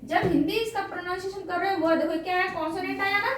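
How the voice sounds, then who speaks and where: A woman's voice: very high voice, quick pace, fairly bright tone. A woman teaching a classroom grammar lesson, explaining step by step and asking her students questions. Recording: echoey room, voice from far off, faint noise.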